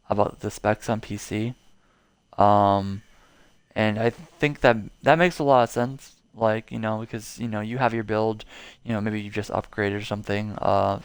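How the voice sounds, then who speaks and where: A man's voice: fairly low pitch, smooth, no echo. A young man giving casual, rambling gameplay commentary to his viewers, full of fillers and the odd swear word. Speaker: gaming video creator.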